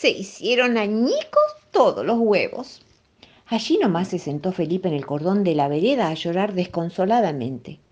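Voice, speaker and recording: A woman with a Rioplatense accent reading a children's story aloud in an expressive, playful manner. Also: lowish voice, normal speed. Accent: Rioplatense Spanish. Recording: dull lo-fi recording.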